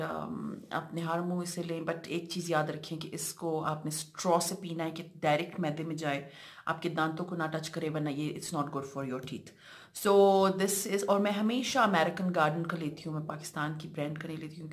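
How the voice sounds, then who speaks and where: A middle-aged woman, chatting casually through a grocery haul vlog and switching often between Hindi-Urdu and English with many fillers. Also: on the low side. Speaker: lifestyle vlogger.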